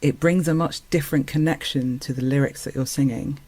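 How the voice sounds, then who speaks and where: A man's voice: on the high side, steady tone, a little fast, a little mellow, no room sound. A man, an actor and singer, talking as a podcast guest in a thoughtful, hesitant way with many fillers. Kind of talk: casual conversation.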